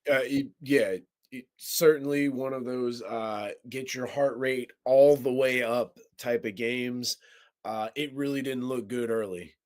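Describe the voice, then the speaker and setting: A man's voice: mid-range voice, fairly even intonation, unhurried, darkish tone. A man co-hosting a sports podcast, talking through a game in a thoughtful, rambling way with frequent restarts. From Washington DC area. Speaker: podcast co-host. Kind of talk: casual sports chat.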